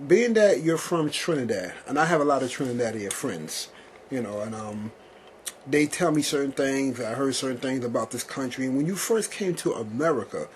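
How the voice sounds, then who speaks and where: A man hosting a talk show, asking long-winded questions he keeps rephrasing and answering with steady okays and yeses. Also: medium pitch, moderate pace, slight background noise. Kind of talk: casual interview.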